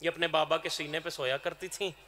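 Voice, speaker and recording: A man's voice: a little high, little pitch movement, brisk, sharp tone. A man with a Pakistani Urdu accent, reciting a mournful majlis elegy with a rising, wailing delivery and voicing the grieving girl and her mother. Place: mosque hall with a mourning crowd. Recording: echoey hall, crowd noise.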